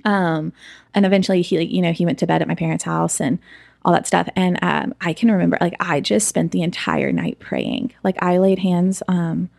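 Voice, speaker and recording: A woman's voice: on the low side, fairly even intonation, normal speed, gravelly, a little mellow, no echo, clean studio sound. A woman guest in an interview, candidly and reflectively recounting a personal story, with frequent fillers.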